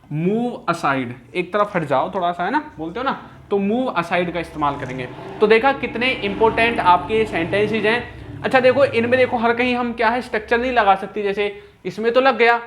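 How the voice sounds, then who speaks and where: A Hindi-speaking man teaching spoken English with an Indian accent. He explains in Hindi, slows down to repeat each English phrase clearly, and keeps checking in with his students. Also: high-pitched, a bit bright.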